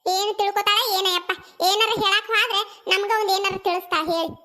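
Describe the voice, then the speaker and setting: A very high, bright and squeaky cartoon voice, put on by a performer, the cheeky young village woman rattles off her lines at a rapid clip. She has a thick North Karnataka accent and a teasing, quarrelsome manner. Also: level tone. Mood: teasing, squabbling. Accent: North Karnataka Kannada. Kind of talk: cartoon comedy voice acting.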